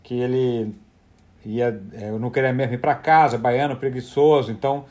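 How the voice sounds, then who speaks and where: A man's voice: medium pitch, fairly even intonation, moderate pace, a little mellow. A man from Rio with a Carioca accent in casual comedic chat, stammering and circling back on his words. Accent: Carioca (Rio de Janeiro). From Rio de Janeiro, Brazil.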